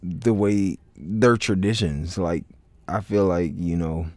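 A deep-voiced man hosting a solo podcast, with a mellow, dark tone recorded close and dry. He talks casually and rambles, leaning on filler words and restarting his sentences. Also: slow, no room sound. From Florida, United States. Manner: rambling, heavy on "like, you know" fillers and restarts. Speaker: podcast host.

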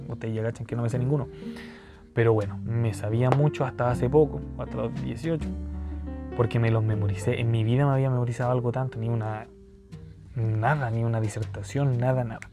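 A young man in his twenties with a Chilean accent, telling funny personal stories on a podcast in a slangy, rambling, joking way. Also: medium pitch. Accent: Chilean Spanish. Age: 20s. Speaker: podcast host. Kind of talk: casual storytelling podcast.

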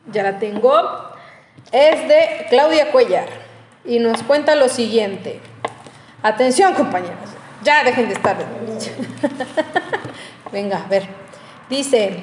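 Woman host, reads stories and laughs a lot, kinda high voice, echoey room. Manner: lively, laughs often, chatty asides. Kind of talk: reading listener stories aloud and chatting. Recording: roomy studio with long reverb and faint noise.

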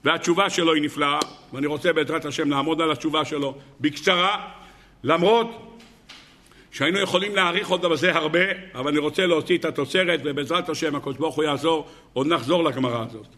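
Man, rabbi, sermon, high and bright voice, animated storytelling, rhetorical questions. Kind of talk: Torah lesson sermon.

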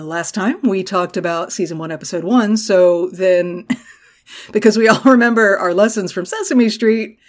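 A woman from Texas with allergy congestion, co-hosting a casual comedy podcast in an irreverent, joking, sweary way. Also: mid-range voice. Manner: irreverent, salty-tongued, joking. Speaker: podcast co-host.

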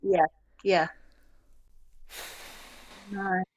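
A woman speaking as a guest recounts an emotional personal story with candor and reflection, frequently groping for words. She has a medium-pitched voice with little pitch movement and drawn-out words, and the recording is dry, slightly dull lo-fi.

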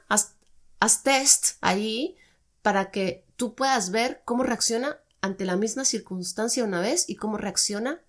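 Expressive woman hosting an advice podcast. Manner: expressive, acts out quoted remarks in a higher voice. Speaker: podcast host. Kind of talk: casual advice podcast monologue.

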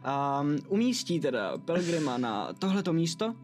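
A man narrating a tabletop game as game master, relaxed and hesitant with fillers. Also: on the high side, faint music behind.

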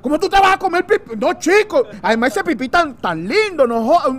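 A man's voice: very high-pitched, big pitch swings, a little fast, a bit bright, pitched above the performer's own voice, exaggerated voice. A man voicing a castaway in a told joke who gushes in emphatic, incredulous admiration. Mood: gushing.

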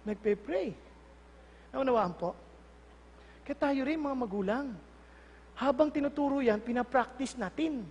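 Animated jokey pastor with a high voice. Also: male voice, moderate pace, long pauses, breathy edge, long reverb tail, lo-fi sound. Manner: animated, jokey, mixes Tagalog and English. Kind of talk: sermon.

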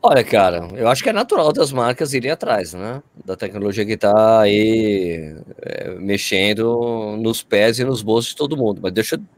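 A man's voice: fairly low pitch, lively intonation, moderate pace. A man with a Brazilian Portuguese accent chatting casually as a guest, telling stories in slangy everyday speech. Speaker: running video creator, interview guest. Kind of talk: casual chat.

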